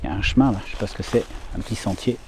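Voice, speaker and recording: A man doing a casual paranormal vlog outdoors in a forest at night, talking hesitantly with frequent filler pauses. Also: fairly low pitch, a little hiss or hum. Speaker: paranormal investigator vlogger.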